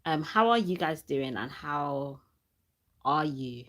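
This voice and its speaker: A woman's voice: low voice, expressive, slow pace, a bit bright. A young woman hosting a casual livestream, chatty and laughing often, reading viewer comments aloud, with a cough sweet in her mouth and a sore throat. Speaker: channel host.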